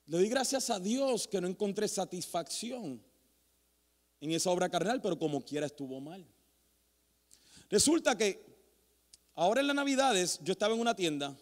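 A man preaching as a pastor, telling animated, self-mocking stories with many restarts. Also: sits high. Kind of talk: storytelling sermon. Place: church sanctuary. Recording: long hall reverb in a church.

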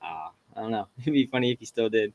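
Low-voiced man chatting on a podcast. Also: animated, fast, a little mellow, dull audio. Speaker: podcast co-host. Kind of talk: casual sports chat.

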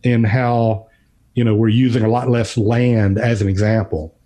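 Guy with a mellow voice chatting on a podcast, kinda halting, thinking out loud. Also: lowish voice, steady tone. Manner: halting, repeating words as he thinks aloud. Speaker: podcast's featured financial commentator. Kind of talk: unscripted podcast commentary.

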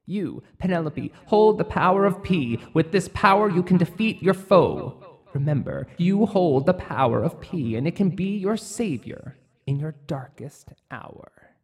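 A man voicing a wise, mysterious old witch who gives slow, solemn warnings. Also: on the high side, lively intonation, darkish tone, husky, voice pushed up, full character voice.

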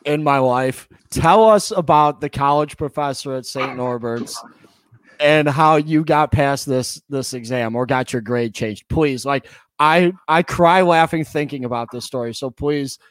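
Man, American accent, smooth clear voice, dry close sound, emphatic casual sports podcast hosting. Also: medium pitch, unhurried, no echo. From United States. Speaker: podcast host.

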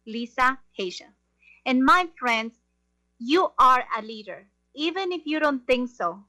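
High, bright-voiced woman hosting. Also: poor audio. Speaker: show host. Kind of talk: interview hosting.

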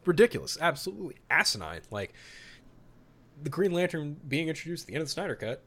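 This podcast host talks fast in a fairly high, slightly bright voice and is very animated. He switches from read-out storyboard summaries to casual, emphatic opinions sprinkled with mild profanity.

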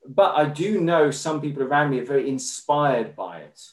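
A man with an English accent, a podcast guest talking in a measured, formal way with many fillers. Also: mid-range voice, animated. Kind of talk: conversational interview. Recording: roomy echo.

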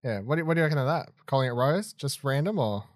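Man, podcast host, rapid casual chatter, dry close sound. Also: mid-range voice, no room sound. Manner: quick, animated, laughs often.

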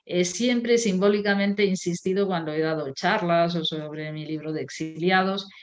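A woman's voice: on the low side, moderate pace. A woman, a writer and critic, talking in a reflective way with many fillers and restarts. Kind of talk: conversational interview.

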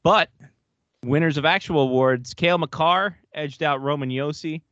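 A man's voice: on the high side, normal speed, fairly bright tone, dry recording. A man rambles through casual sports chat, swearing freely and laughing along. The recording is dry and a little dull, with no room sound. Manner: profane, rambling, laughs often. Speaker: podcast host.

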